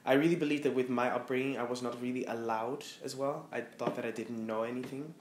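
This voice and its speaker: This fast-talking guest is a fashion stylist in his thirties from Amsterdam, Netherlands, with a medium-pitched voice and fairly even intonation. Before a small audience in a room, he reflects candidly, using lots of fillers, while the audio carries roomy echo and faint noise.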